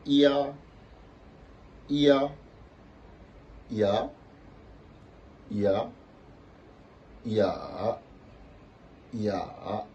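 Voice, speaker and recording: Low, mellow man teaching a lesson. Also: muffled recording, slight background noise. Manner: demonstrates tones by drawing out syllables. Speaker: language teacher. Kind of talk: explaining lesson to viewers.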